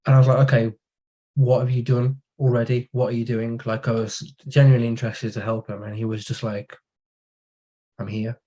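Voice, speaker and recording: A man with a mellow, warm voice talks in a relaxed way on a podcast. He tells long stories from his working life and briefly acts out the voices of the people in them. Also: mid-range voice, a little fast. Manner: relaxed storytelling, acts out quoted dialogue. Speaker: podcast guest. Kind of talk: casual conversation.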